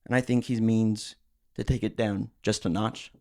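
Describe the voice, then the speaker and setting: A young adult man hosting a solo commentary podcast, animated and sarcastic, slipping into mocking impressions. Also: fairly low pitch, moderate pace. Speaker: host.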